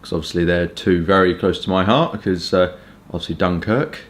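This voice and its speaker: A deep-voiced pipe tobacco reviewer from Kent, England, with a southern English accent, chats informally in a rambling, casual review. He sounds hesitant, pausing in a stop-start way.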